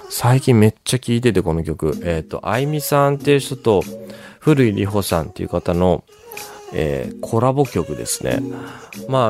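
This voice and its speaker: A man hosting a casual music radio show, chatting with enthusiasm about songs, with many fillers and pauses. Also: fairly low pitch, darkish tone.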